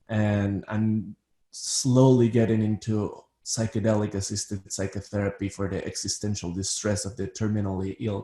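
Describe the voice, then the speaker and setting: An Ecuadorian psychiatrist is a guest in an interview conversation, often repeating words as he starts a sentence. His voice is lowish and mellow, and the room sounds echoey.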